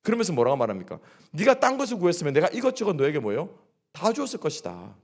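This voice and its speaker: Delivering a sermon at a midweek church service in the sanctuary, this male pastor speaks in a slightly high voice with a gravelly edge and wide swings in pitch. Again and again he throws questions at his listeners, then answers them himself.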